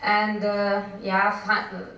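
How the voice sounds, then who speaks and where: A woman's voice: medium pitch, completely flat delivery, extremely slow, fairly bright tone. A middle-aged woman from Lebanon speaking on a conference panel, hesitant and full of fillers, recorded in a hall. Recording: echoey hall, distant mic.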